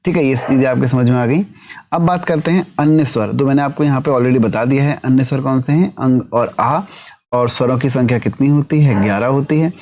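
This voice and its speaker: A man teaching an exam-prep lesson who asks the class questions, answers them himself and keeps adding a quick tag question. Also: medium pitch, darkish tone, a little hiss or hum.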